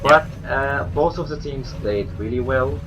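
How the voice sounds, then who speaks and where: A man co-commentating a game stream, speaking loosely with many fillers and quick agreements. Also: mid-range voice, noisy background. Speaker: co-commentator and team coach.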